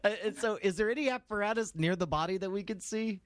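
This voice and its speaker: A man's voice: high-pitched, fast talker, no echo, studio quality. A man co-hosting a comedy podcast, rambling goofily while playing detective and laughing often. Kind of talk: improvised comedy banter.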